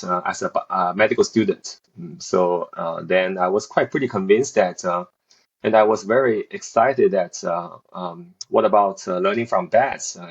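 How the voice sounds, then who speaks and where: A man in his thirties with a low, slightly rough voice, heard through lo-fi audio. Born in South Korea and raised in Beijing, he works as a researcher and assistant professor, answering interview questions hesitantly with plenty of fillers and restarts.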